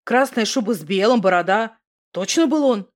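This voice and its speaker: A woman voicing a nervous young man who talks low, anxious and insistent. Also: animated, moderate pace. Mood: worried.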